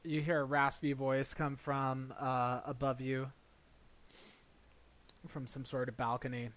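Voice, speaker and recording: A man's voice: mid-range voice, flat delivery, unhurried, a bit bright. A man narrating a tabletop game as game master.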